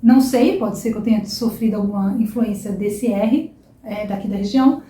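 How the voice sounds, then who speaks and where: A woman's voice: mid-range voice, normal speed, warm tone. A young woman from São Paulo with a Paulista accent gives an online Portuguese pronunciation lesson and keeps checking in with "tá?" and "ok?". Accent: São Paulo Brazilian Portuguese. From São Paulo, Brazil. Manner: explanatory, often checks in with "tá?" and "ok?". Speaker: Portuguese teacher. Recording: echoey room, faint background hiss.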